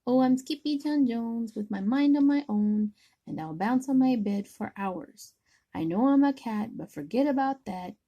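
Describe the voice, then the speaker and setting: A woman's voice: mid-range voice, steady tone, normal speed, warm tone, breathy edge, highs cut off. A young boy kitten who thinks he is a daring chihuahua swordsman, voiced by a woman reading a storybook. He brags in bouncy, sing-song rhymes. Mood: boastful.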